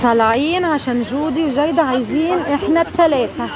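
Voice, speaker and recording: A woman's voice: high-pitched, fast talker. A woman in her thirties with an Egyptian Arabic accent, a mother filming her daughters for a casual family vlog, doting and fussing as she cheers the kids on outdoors at a water park. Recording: noisy crowded outdoor park.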